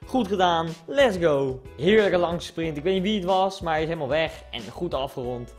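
A young man commentating his own football video game play, excitable and swinging between low mutters and loud shouts. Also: moderate pace, soft background music. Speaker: gaming YouTuber. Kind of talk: live gameplay commentary.

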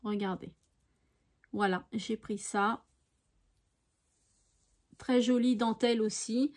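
Chatty high-voiced woman vlogger. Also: steady tone, slow pace, darkish tone. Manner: chatty, with frequent hesitations and "voilà". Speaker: craft vlogger. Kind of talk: casual haul show-and-tell.

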